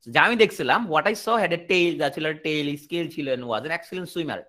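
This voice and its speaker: Male tutor, online class; animated delivery that rises and falls, reads example sentences slowly. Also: on the high side. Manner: explains in a question-and-answer rhythm, repeating and checking understanding; reads English sentences slowly and deliberately, then translates. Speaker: English teacher.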